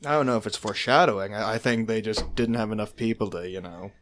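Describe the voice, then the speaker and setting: A man's voice: fairly low pitch, fast, a bit bright. A man hosting a casual, profane chat about a movie, rambling and joking with lots of fillers. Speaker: podcast host.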